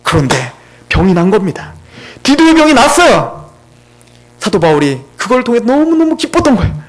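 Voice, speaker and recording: A man's voice: high voice, big pitch swings, normal speed, slight background noise. A male pastor preaching a sermon in church with emotion, often asking the congregation questions.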